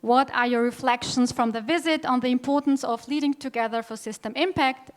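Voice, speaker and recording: A woman moderating a conference, giving clear instructions to the audience. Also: high voice, fairly quick.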